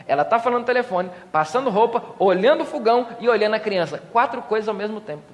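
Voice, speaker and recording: A man's voice: high voice, lively intonation, fast. A Brazilian man preaching a humorous sermon as pastor, acting out little scenes with voices. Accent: Brazilian Portuguese. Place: church hall. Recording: church hall reverb.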